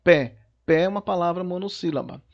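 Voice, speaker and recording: A man's voice: high-pitched, a little fast, gravelly, muffled recording. A male teacher recording a lesson at home, patiently explaining worksheet questions and often checking in with "né" and "tá". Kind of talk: recorded remote class lesson.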